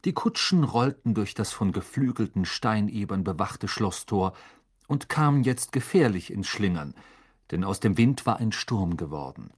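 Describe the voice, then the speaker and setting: A man narrating a fantasy audiobook with expressive, dramatic storytelling. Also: lowish voice, normal speed, slightly rough. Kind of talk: scripted narration.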